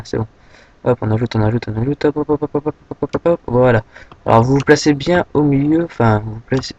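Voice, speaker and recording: A young man from France giving a casual, rambling software tutorial, full of fillers and a habit of saying "hop" as he clicks. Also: medium pitch, dull audio, a little hiss or hum. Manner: rambling, filler-heavy, says "hop" often. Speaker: tutorial maker.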